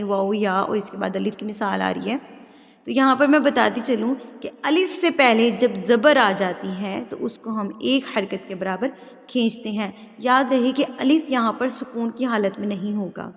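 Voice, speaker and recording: A woman teaching Quran recitation rules step by step, explaining patiently, checking that students follow and drawing out example words slowly. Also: fairly high pitch, vocal fry, big-room sound. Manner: switches into slow, drawn-out, louder recitation for examples. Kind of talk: step-by-step tajweed lesson.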